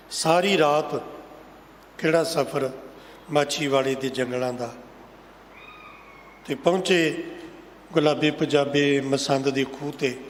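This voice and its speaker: A man with a Punjabi accent delivers an impassioned Sikh sermon, pressing his listeners with rhetorical questions. His voice sits somewhat high. It rings through a large hall with a long reverb tail and a faint hum of ambience. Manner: impassioned, rhetorical questions, sung scripture lines. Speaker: Sikh preacher giving katha.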